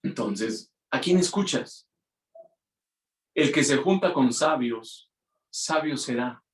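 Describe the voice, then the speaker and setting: A man's voice: mid-range voice, lively intonation, slow pace, distant mic. A man preaching a conversational sermon as pastor, often acting out quoted voices. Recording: roomy echo, mic from afar.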